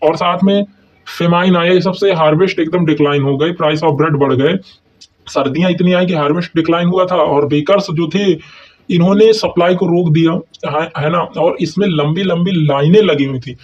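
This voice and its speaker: A man's voice: on the high side, moderate pace. A man teaching history exam notes, who keeps asking and answering his own questions and checks in often with the listener. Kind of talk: explaining exam notes in a mix of Hindi and English. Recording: dull, lo-fi recording.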